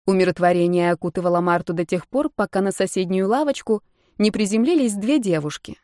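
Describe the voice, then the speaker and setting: A woman narrates an audiobook in an even, steady storytelling voice. Her pitch sits in the middle. The recording is dry and close, with no room sound. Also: no room sound. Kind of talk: scripted narration.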